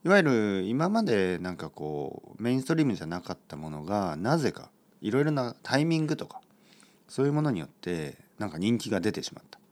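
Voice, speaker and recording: A man's voice: lowish voice, sing-song, fairly quick, a little mellow. A man hosting his own podcast in a casual, rambling way, with many fillers and playful self-mockery. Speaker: podcast host. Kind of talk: casual solo podcast talk.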